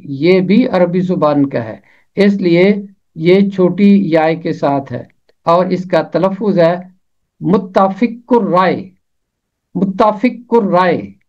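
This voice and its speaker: A man giving a slow, deliberate lesson on how to pronounce words from the Bible, carefully repeating each word. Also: high voice, dark tone. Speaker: Bible pronunciation teacher. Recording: slightly muffled lo-fi recording.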